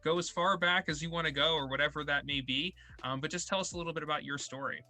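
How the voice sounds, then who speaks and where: A man's voice: on the high side, fairly even intonation, quick pace, pushed and bright. A young man hosting an interview podcast, talking casually and rambling with lots of fillers. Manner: rambling, heavy on filler words. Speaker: podcast host.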